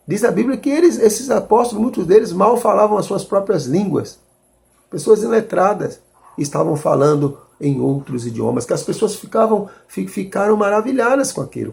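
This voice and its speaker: A man's voice: high-pitched, creaky, darkish tone. A man preaching a sermon, reading scripture and explaining it in an earnest way, calling his listeners brothers and restarting as he reasons aloud.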